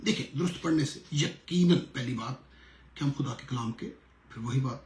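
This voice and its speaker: A middle-aged man, a pastor, teaching a lesson in an earnest sermon style and slowly repeating words to show how they are pronounced. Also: mid-range voice, a little mellow, reverberant.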